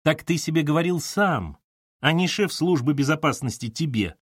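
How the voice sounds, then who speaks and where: A distraught young woman, her voice pitched high and swinging wide with emotion, as a male narrator puts her on. She snaps back defensively, close and dry on the mic. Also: expressive, moderate pace, husky, no room sound. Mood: upset.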